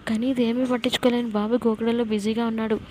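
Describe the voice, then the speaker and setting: A woman's voice: a little high, little pitch movement, fast talker, noisy background. A woman narrating a romantic family story, reading the dialogue of every character in her own voice.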